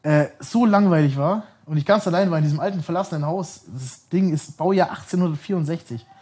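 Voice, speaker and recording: Man, thirties, slightly high voice, chatty guest who rambles and laughs through his stories. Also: fairly quick, warm tone, husky. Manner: rambling, laughs often, self-corrects. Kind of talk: casual storytelling.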